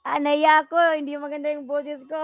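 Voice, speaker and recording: A hoarse woman chatting and laughing on a live stream, shouting out viewers by name and breaking off to sing a few lines. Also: high-pitched, flat delivery, moderate pace, no room sound. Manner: giggly, self-conscious, greets viewers by name. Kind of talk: casual live-stream chat with sung lines.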